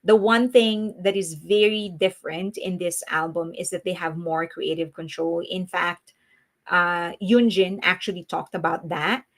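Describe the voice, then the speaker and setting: Her voice is on the low side, steady and unhurried. She's a livestream host from the Philippines with a Filipino accent, casually talking to her audience, often laughing and restarting what she says.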